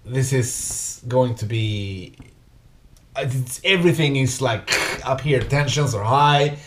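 Guy in his 30s chatting a reaction at home, excited, swears a bit, mid pitch. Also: slow pace, slight background noise. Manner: sweary, enthusiastic. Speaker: reaction video host. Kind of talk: casual reaction commentary. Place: small home music room, indoors.

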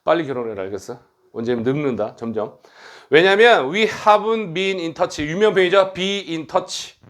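A man's voice: fairly high pitch, expressive, fairly bright tone. Middle-aged guy teaching grammar in class, teases students, keeps asking "right?", voice jumps all over. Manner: brisk, blunt, teasing students, frequent tag questions. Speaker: academy director and English teacher.

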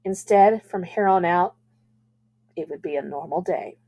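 A woman teacher reading a novel aloud to a class at a measured, even pace. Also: lowish voice.

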